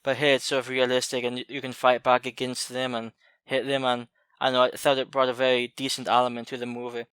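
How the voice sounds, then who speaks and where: Dude on a movie podcast, smooth clear voice, lots of ums, dry sound. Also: male voice, medium pitch, monotone, a bit bright, dry recording. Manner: thoughtful, many "um" pauses, light laughter. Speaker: podcast co-host. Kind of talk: casual movie chat.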